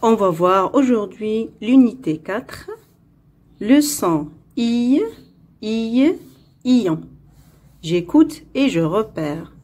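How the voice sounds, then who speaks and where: Very slow-speaking woman teacher. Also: mid-range voice, lively intonation, a little mellow. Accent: Arabic-speaking. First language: Arabic. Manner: says each word slowly twice, syllable by syllable. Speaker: French teacher. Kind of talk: slow phonics lesson.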